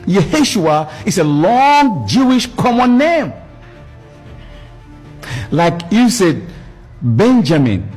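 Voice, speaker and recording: A middle-aged man giving a storytelling religious lecture, animated, repeating words for emphasis. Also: sits high, very slow, pauses often, husky, soft background music. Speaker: Islamic speaker.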